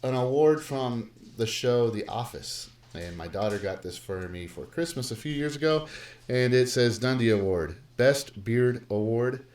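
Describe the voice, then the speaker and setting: A man's voice: mid-range voice, expressive, unhurried, darkish tone. A middle-aged man, a math teacher, talking casually and playfully through a live-streamed lesson in a classroom, with lots of fillers and asides. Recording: roomy live stream with faint noise.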